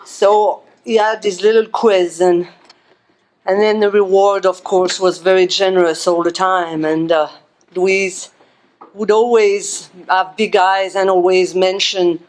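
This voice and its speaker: A woman giving a personal memorial tribute, pausing often with fillers. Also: medium pitch, fairly even intonation, darkish tone. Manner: halting, many fillers. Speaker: memorial speaker.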